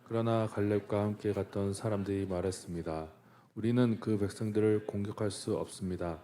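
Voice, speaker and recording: A man's voice: lowish voice, fairly even intonation, brisk, dark tone. A male church deacon reading scripture aloud in an earnest, declamatory way.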